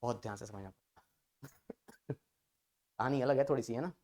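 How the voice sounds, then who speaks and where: A man of medium pitch and mellow tone talks at normal speed while giving an online chemistry lesson. He coaxes students playfully by posing questions and then answering them himself.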